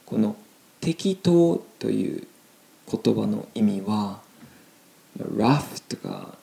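A young man with a Kansai accent teaching Japanese phrases in a relaxed, chatty lesson, full of fillers. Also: lowish voice, drawn-out words, gravelly. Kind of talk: casual language lesson.

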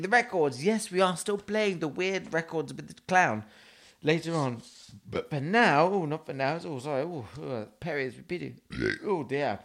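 A man's voice: sits high, pushed and bright. A man hosting a radio show, rambling, scatterbrained and poking fun at himself. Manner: scatterbrained, rambling, self-mocking. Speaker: radio host. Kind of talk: rambling comedic radio chat.

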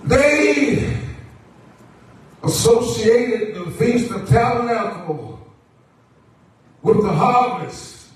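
Slow-preaching man in an echoing church. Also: very high-pitched, expressive. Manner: drawn-out preaching cadence with swelling emphasis. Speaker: pastor. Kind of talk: sermon. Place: church sanctuary. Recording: very echoey church recorded from a distance.

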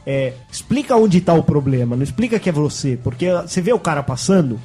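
A man's voice: a little high, fast talker, breathy edge, faint music behind. A man in casual chat among friends, telling restaurant stories and acting out waiters, swearing freely. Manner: animated storyteller, acts out waiters and customers, swears freely.

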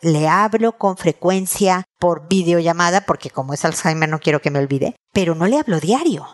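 A middle-aged woman with a Mexican Spanish accent, hosting an advice podcast and talking gently and directly to her listener. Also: lowish voice, lively intonation, moderate pace. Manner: gentle, conversational, talks straight to the listener. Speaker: advice show host.

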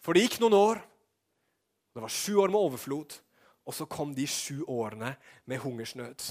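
A man preaching a sermon with fervor, often shouting and then dropping to a hush. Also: medium pitch, sing-song. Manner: fervent, often shouting, with swings between loud and hushed.

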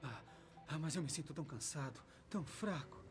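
An actor playing a grumpy, weary superhero aged into a creaky-voiced old man, in a dubbed cartoon. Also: on the high side, expressive, fairly quick, natural voice. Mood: tired, frustrated. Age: older. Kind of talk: dubbed animated series acting. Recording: loud music behind the voice.

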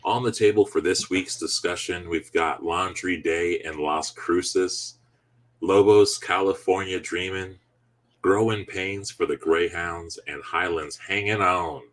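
Deep voiced guy hosting a sports talk podcast, conversational. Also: steady tone, a little slow, fairly bright tone. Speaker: podcast host.

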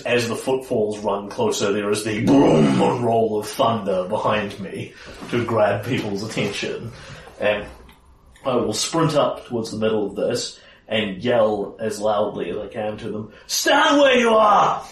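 A man playing in a tabletop game, calmly describing what his character does. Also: fairly low pitch, a little slow. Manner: relaxed, describing his moves in detail. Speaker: player. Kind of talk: casual tabletop game talk. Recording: echoey room, far mic, faint noise.

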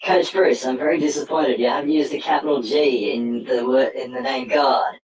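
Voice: moderate pace, darkish tone, roomy sound, rough recording. A chat participant speaking through a voice changer, trading mock-serious, trolling banter in a casual online group chat. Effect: voice changer, very deep processed voice.

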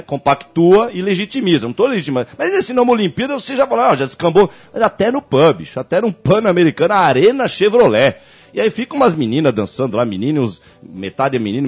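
A man's voice: on the high side, husky. A man, co-hosting a podcast in a loose, profane, rambling and jokey rant. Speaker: podcast co-host. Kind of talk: ranting casual chat.

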